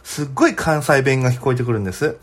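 A young man, a comedian, telling a story alone on his podcast in a chatty, animated way. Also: mid-range voice, fast.

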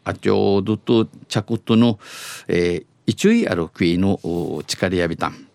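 低めの声の沖縄なまりの男性ニュース読み. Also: male voice, sits low, gravelly, darkish tone, dry recording. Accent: Okinawan. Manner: halting, phrase by phrase, restating lines. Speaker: news reader on a dialect news segment. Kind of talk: news reading, alternating standard Japanese with Okinawan dialect.

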